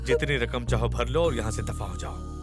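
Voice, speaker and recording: A man's voice: mid-range voice, brisk, over music, natural voice. An actor playing a stern middle-aged businessman father in a dubbed film, lecturing with scorn. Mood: cold.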